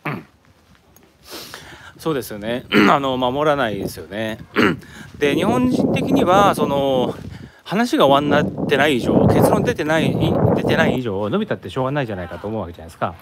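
A man's voice: mid-range voice, very animated, fairly quick, very noisy. A man from Japan chatting casually on a live stream while walking around an outdoor tourist site, rambling and answering viewer comments. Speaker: live streamer, office worker in Korea.

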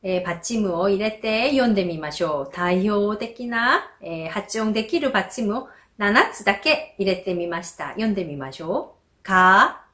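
A young woman who grew up speaking Korean, teaching pronunciation in a slow, patient way and repeating each sound as an example. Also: medium pitch, animated, a bit bright. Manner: models sounds slowly and repeats them.

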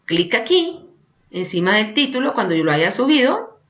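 A woman teaching an online course through a screen-recorded software tutorial, chatty, constantly saying "look" and checking in with "ok?". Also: mid-range voice, sing-song, moderate pace, dull audio. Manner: chatty, keeps prompting with "mira" and "¿ok?".

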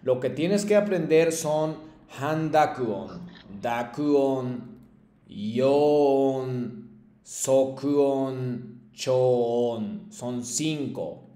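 Slow, patient male language teacher. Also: mid-range voice, mellow, roomy sound. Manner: slow, patient, many fillers like "este" and "eh". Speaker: Japanese teacher. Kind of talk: online lesson, call-and-repeat drills.

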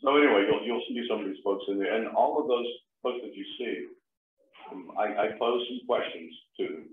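A man's voice: on the low side, moderate pace, slight background noise. Older guy w froggy stuffed-up cold voice, informal talk, far from the mic, really muffled sound. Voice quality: froggy, congested head-cold voice. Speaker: guest speaker and documentary maker. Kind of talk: informal talk to a church class. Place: small classroom, indoors, far camera. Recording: distant mic in echoey room, muffled lo-fi.

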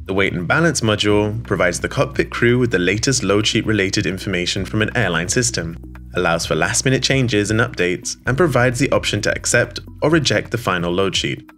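A man reading a scripted product voice-over in a smooth, even, polished way, recorded in a studio. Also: on the low side, a little fast. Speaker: voice-over narrator. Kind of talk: scripted corporate narration. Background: soft background music.

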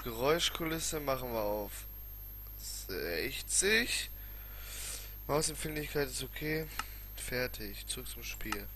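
A man's voice: mid-range voice, lively intonation, takes it slowly, pushed and bright. A man giving casual gameplay commentary as a let's player, muttering and grumbling in colloquial exclamations. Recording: clearly noisy home recording with clicks.

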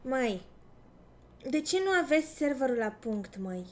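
A woman streamer chatting casually during a game role-play session, quick and reactive. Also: high-pitched, lively intonation.

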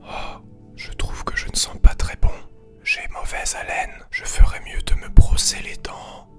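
A young man playing an overly calm relaxation guide in a soft, soothing whispered role-play for a parody ASMR video. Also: faint music behind, close to an everyday voice. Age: young adult. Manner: slow, soothing, deliberately gentle. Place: small bedroom with computer desk, indoors.

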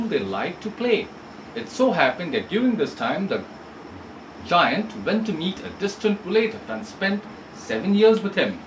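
A man's voice: high-pitched, noisy background. A male English teacher giving an online class. He reads a textbook story aloud and explains it, asking students questions and rephrasing points. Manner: asks students questions, repeats and rephrases for clarity.

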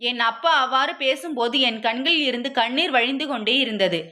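A woman's voice: sits high, normal speed, sharp tone. A woman narrating a first-person short story with an emotive, dramatic reading.

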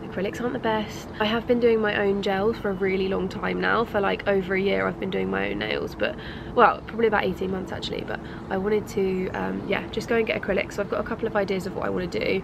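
This young British lifestyle vlogger sounds stuffed up, with a creaky, mid-range voice, as she talks fast and rambles casually to camera. She's on an outdoor balcony, and the background is noisy.

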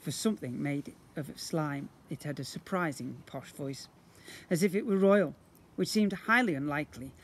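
With expressive flair, a man in his fifties reads aloud to young children and plays up the sound effects. His voice is on the high side and his speed normal. The setting is outdoors beside brick houses, recorded by a phone or camera at about arm's length.

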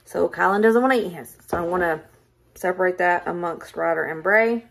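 A woman's voice: fairly low pitch, a little fast, creaky. A woman in her thirties with a Southern US accent, chatting casually through a home cooking vlog in her kitchen. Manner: chatty, upbeat, narrates while cooking. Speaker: vlogger.

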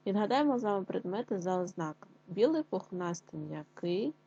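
A woman teacher leading an online reading lesson for young children, speaking clearly and repeating phrases for them to follow. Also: medium pitch, sing-song, mellow, muffled recording. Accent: Ukrainian. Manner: clear, slow syllable-by-syllable dictation for children. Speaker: primary school teacher.

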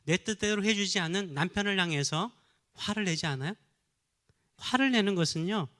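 A male pastor preaching a sermon who asks the congregation questions and rises to forceful emphasis on key phrases. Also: on the high side.

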